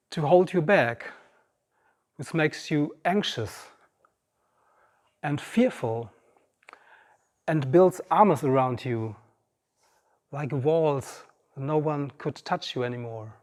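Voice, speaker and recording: A mellow-ish, high-leaning voice belongs to a man in his 50s who stretches out his words and pauses frequently. He's on a large auditorium stage giving a reflective, personal inspirational talk directly to the crowd, with the hall's long reverb audible throughout.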